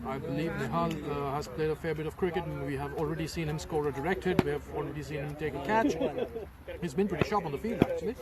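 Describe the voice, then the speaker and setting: A man's voice: fairly high pitch, quick pace. A man giving easygoing, wry live commentary on a local cricket match outdoors at a cricket ground.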